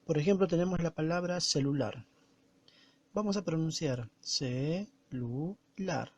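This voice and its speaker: A male teacher giving a slow, didactic recorded lesson, stressing words and syllables as he explains them. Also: fairly high pitch, lively intonation, darkish tone.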